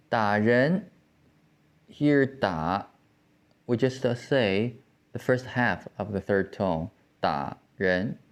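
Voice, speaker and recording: A man teaching Mandarin tones, explaining slowly with frequent restarts and pauses. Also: medium pitch, darkish tone. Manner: halting, with many restarts and fillers. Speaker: Chinese language teacher. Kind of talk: slow explanatory lesson.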